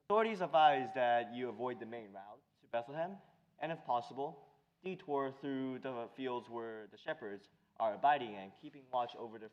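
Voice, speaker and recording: A man playing the solemn lead anchor of a mock breaking news broadcast, formal and deliberate, in a dull recording. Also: mid-range voice, close to an everyday voice.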